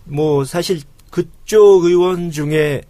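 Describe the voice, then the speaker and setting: Guy on a political podcast, kinda higher voice, dry short comments. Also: takes it slowly, warm tone, no room sound. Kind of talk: casual political talk.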